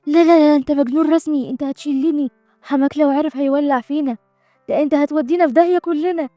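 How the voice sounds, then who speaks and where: A woman reads out a stern old grandfather who scolds and blusters, with an Egyptian Arabic accent. The voice stays gravelly and mellow, in a dry room with faint music behind. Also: medium pitch, flat delivery, fast, dry recording, voice pushed down, lightly acted. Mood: furious. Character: stern, angry old grandfather, head of the family.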